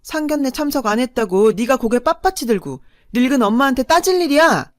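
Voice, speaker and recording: A woman voicing a harsh, selfish middle-aged mother who berates her daughter in a shrill voice. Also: expressive, a little fast, no room sound, studio quality. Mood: berating.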